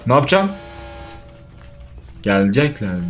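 A young man giving casual let's play commentary on a horror game, jumpy and swearing, yelling out when startled. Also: mid-range voice, big pitch swings, moderate pace, soft background music. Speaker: gaming YouTuber.

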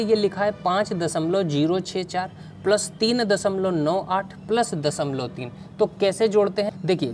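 A woman's voice: mid-range voice, a little mellow, slight background noise. A woman teaching an online math class, explaining step by step and asking questions to the students.

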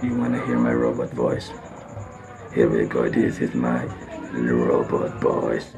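Deep slow robot voice. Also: male voice, monotone, vocal fry, full character voice. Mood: playful. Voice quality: very deep, drawn-out, distant-sounding. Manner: showing off a vocal trick. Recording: dull lo-fi recording with loud music.

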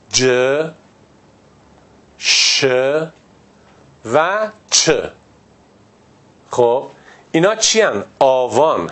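Male teacher with lively pitch. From Iran. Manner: explains step by step, repeats example words slowly. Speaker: English teacher. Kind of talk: classroom lesson on pronunciation.

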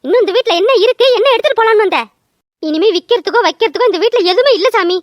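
Woman voicing a sharp-tongued old mother-in-law. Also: extremely high pitch, animated, very fast, no echo. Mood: scolding. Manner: scolding, sarcastic. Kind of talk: cartoon voice acting.

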